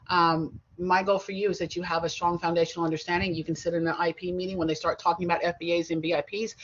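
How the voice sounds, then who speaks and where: A woman's voice: on the low side, slightly rough. A middle-aged woman teaching an online college class in a chatty, digressive way, with frequent asides and self-corrections. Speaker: college instructor. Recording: dull lo-fi video-call audio.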